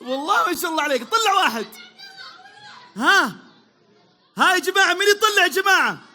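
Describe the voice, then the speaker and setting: A Saudi man hosting a quick quiz for a crowd, upbeat and teasing, repeating praise and calling out to the audience. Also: very high-pitched, very animated, sharp tone. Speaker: quiz host at a public event.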